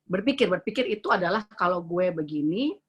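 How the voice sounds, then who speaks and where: A woman's voice: on the low side, brisk, husky. A woman, giving a casual motivational talk on managing emotions and mixing in English phrases. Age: 40s. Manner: lively, mixing in English phrases, acting out quoted voices. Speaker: coach.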